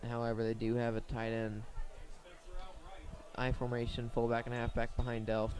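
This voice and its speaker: A medium-pitched male radio commentator calls high school football with fairly even, narrow intonation. He lays out each play step by step in a measured way, pausing as he goes.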